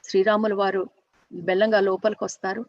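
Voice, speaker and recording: A woman telling a long story unscripted, earnest and halting, often restarting and correcting herself mid-sentence. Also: medium pitch, level tone, darkish tone, no echo, lo-fi sound. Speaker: storyteller and workshop teacher.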